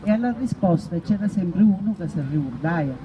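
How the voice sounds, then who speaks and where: A woman's voice: lowish voice, animated, brisk, noisy background. A woman with a Sicilian accent casually explaining local customs, slipping into Italian dialect as she talks.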